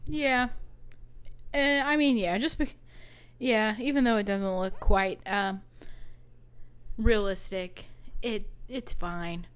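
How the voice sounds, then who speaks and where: A woman's voice: medium pitch, takes it slowly, pauses often, clear, resonant tone. A woman co-hosting a casual film podcast, easygoing and thinking aloud, often giggling. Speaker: podcast co-host.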